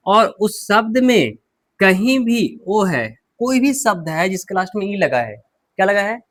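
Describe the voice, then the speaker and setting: A man teaching English pronunciation, slowly repeating words and asking and answering his own questions, clearing his throat often. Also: sits high, very animated, a bit bright, no room sound. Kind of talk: classroom lesson.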